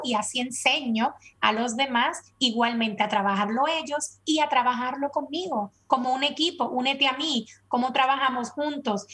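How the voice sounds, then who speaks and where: A woman speaks as a guest expert, explaining in an earnest, patient way. She keeps repeating her points and checking in with the listener. Her voice sits a little high. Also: a bit bright, slightly rough. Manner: earnest, repeats steps with frequent "¿verdad?". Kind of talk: explanatory interview talk.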